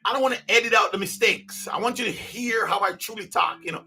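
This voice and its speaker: A man's voice: high voice, quick pace, bright, forceful tone. A man, hosting a podcast as an unscripted personal monologue, earnest and rambling, with many restarts. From Jamaica. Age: 50s. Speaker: podcast host.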